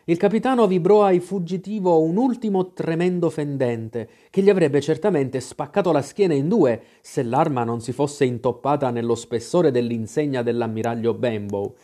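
A man's voice: fairly high pitch, dark tone. A man reading an adventure story aloud in dramatic storytelling narration. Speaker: audiobook reader. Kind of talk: scripted narration.

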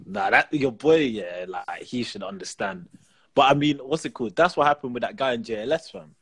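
A man's voice: medium pitch, lively intonation, a little fast, a bit bright, breathy edge. A young man with a London accent co-hosting a casual chat, talking in roadman slang. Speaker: podcast co-host. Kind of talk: casual banter.

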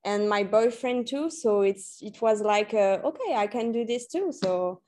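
A native French speaker in her late twenties, from France and New Caledonia, speaks with a French accent in an animated, unhurried, slightly mellow mid-range voice. As a podcast guest who works as a freelance journalist and copywriter, she answers interview questions conversationally, hesitating as she searches for words in her second language.

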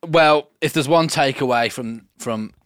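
A man hosting a podcast interview in a relaxed, jokey way, swearing casually. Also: mid-range voice, unhurried, clear, resonant tone, no echo, clean studio sound. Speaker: podcast host.

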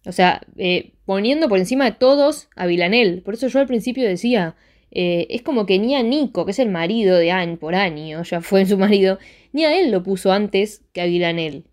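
A young woman with a Rioplatense Argentine accent discusses a TV series in relaxed chat. She cuts in bluntly with slang. Her voice sits in an ordinary middle pitch. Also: a little fast. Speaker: series recap co-host. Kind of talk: casual chat.

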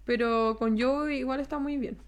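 A woman's voice: sits high, steady tone, normal speed, clear, resonant tone. A young woman with a Chilean accent in casual podcast chat, hesitant with repeated starts and the odd English word in her Spanish.

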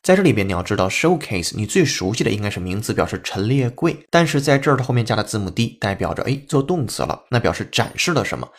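Man, English teacher, podcast lesson, fairly low voice, spells words out letter by letter. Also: big pitch swings, fast talker, hardly any pauses.

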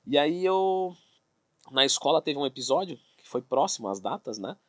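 A man, a fitness expert telling his story as an interview guest, animated and acting out quoted dialogue. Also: on the high side, moderate pace, no room sound.

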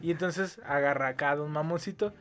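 A man's voice: a little high, a little fast, loud music behind the voice. A man with a Mexican accent telling an anecdote in casual chat, laughing often and acting out quotes.

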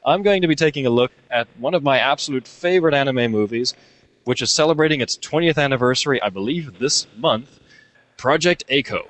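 Guy co-hosting a podcast, average pitch, just chatting casually. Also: a little fast, a bit bright. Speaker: podcast co-host. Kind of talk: casual chat.

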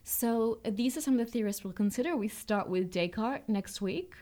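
A woman's voice: a little high, animated, normal speed, warm tone. A woman co-hosting a podcast in playful, teasing chat about theory, stumbling over words at times. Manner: playful, teasing, some stammering. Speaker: podcast co-host. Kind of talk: casual academic chat.

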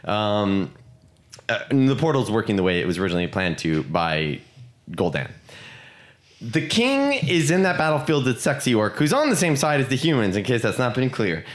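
A man's voice: medium pitch, moderate pace, echoey room. A man co-hosting a podcast, recapping a film in a loose, joking way and acting out the characters in silly voices. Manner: animated, laughing, acts out characters in silly voices. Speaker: podcast co-host. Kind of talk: casual movie recap.

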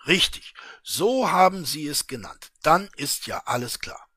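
A blustering, sarcastic office chief, as a man reads him aloud barks and scolds in a husky, lively voice. He sounds bright and forceful. He takes his time over the words. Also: a little high, unhurried, dry recording, studio quality, full character voice. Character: bullying, blustering male head of a secret office.

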